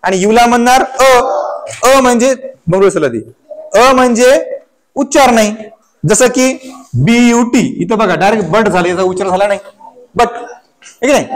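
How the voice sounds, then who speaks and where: A man's voice: extremely high pitch, a little hiss or hum. A man. He fires off questions, waits for answers and chants the letters aloud. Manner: call-and-response questioning of pupils. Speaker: teacher. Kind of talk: classroom lesson. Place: classroom.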